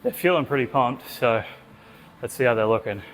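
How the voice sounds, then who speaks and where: A man's voice: mid-range voice, animated, normal speed, a little hiss or hum. Breathless man vlogging mid-workout. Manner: chatty, swears freely, breathy between sets. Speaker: fitness vlogger. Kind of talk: casual gym vlog narration. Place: indoor gym.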